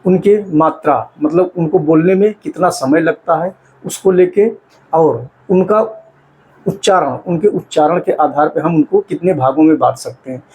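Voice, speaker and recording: A man's voice: a little high, moderate pace, darkish tone, slight background noise, low-quality recording. A man teaching an exam-prep grammar lesson. He asks questions and answers them himself, and he stretches out vowel sounds to show them. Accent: Hindi-speaking north Indian.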